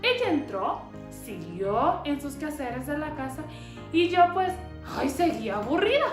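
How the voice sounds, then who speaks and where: A woman telling a children's story in a lively way, often asking the children questions. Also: sits high, unhurried, roomy sound, music in the background.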